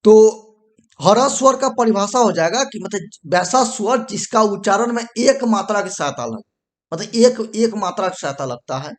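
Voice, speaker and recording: A man's voice: sits high, animated. A male teacher giving a whiteboard grammar lesson, repeating himself, checking in often and stopping to fix what he wrote. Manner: repetitive, checks in with "ठीक है"; pauses to correct and erase the board.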